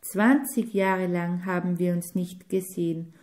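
A deeply moved grown woman, a hostess and sister, speaks in a mellow, dark voice with emotional exclamations, as a woman reader voices her. It is a slow, heartfelt storybook reading. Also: fairly even intonation, close to an everyday voice. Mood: joyful.

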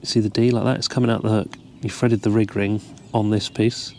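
This relaxed man speaks a little fast in a fairly low voice, explaining each step calmly as he ties a carp fishing rig. He's outdoors by the water, seated over a tackle box, giving a casual tutorial, and a little hiss or hum can be heard.

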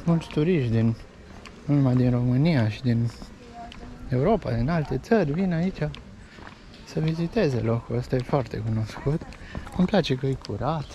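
A man chats his way through a walking tour outdoors, pointing out sights and prices as he goes. His voice is mid-pitched and comes through a somewhat dull, lo-fi recording. Clear street noise sits behind him. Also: animated, pauses often, mellow. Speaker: travel vlogger. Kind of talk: casual walking-tour commentary. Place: outdoors in a pedestrian old town.

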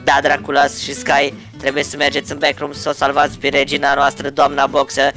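A man voicing the grave male leader of a band of cameramen in a game, speaking slowly and solemnly. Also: mid-range voice, completely flat delivery, sharp tone, soft background music, lightly acted.

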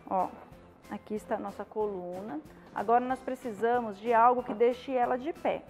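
With a slightly high, somewhat mellow voice at a moderate pace, a Brazilian woman in her thirties demonstrates balloon decorating informally. She works in an indoor studio with a balloon wall, frequently asking short questions to check in. Clear music plays beneath her speech.

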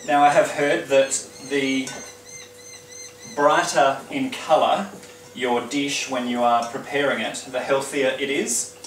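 A man playing a glamorous, genteel lady who hosts a home cooking demonstration with theatrical, drawn-out phrasing. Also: mid-range voice, fairly even intonation, slight background noise, close to an everyday voice. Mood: poised, instructive. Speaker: cooking show host. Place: indoor home kitchen. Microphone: distant camera microphone. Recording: roomy kitchen, distant mic, clattering dishes.

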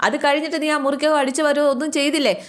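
Brief: woman doing a domineering middle-aged boss lady, scolding and accusing at a raised pitch. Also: steady tone, rapid-fire, natural voice. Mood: angry scolding.

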